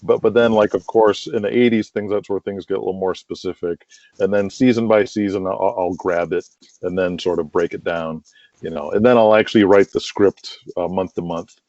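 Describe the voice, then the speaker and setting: In a relaxed interview, a man describes his wrestling audio drama at great length, rambling and dropping "you know" and "like" often. His voice is low and a little mellow, fairly even in intonation at a moderate pace, carried by dull lo-fi call audio with roomy echo.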